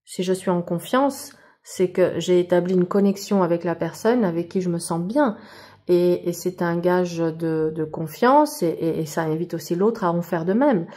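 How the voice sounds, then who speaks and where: A tarot reader with a mellow, somewhat low voice moves at a moderate pace through her monthly reading. She speaks to the viewer directly in a laid-back, spiritual way, often exclaiming with enthusiasm and awe at the cards.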